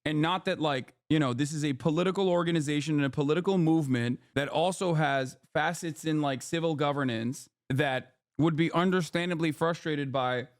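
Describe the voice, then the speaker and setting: Man, fairly high voice, heated, sarcastic, cursing streamer, dry close sound. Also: fairly quick, hardly any pauses, no room sound. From Turkey. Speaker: streamer reacting to news clips. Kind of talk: live stream commentary.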